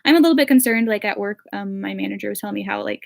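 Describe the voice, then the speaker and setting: A woman's voice: mid-range voice, rapid-fire, vocal fry. A young woman in her late teens answering viewer questions in a casual chat, with lots of "like" and "um" fillers. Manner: chatty, full of "like" and "um" fillers.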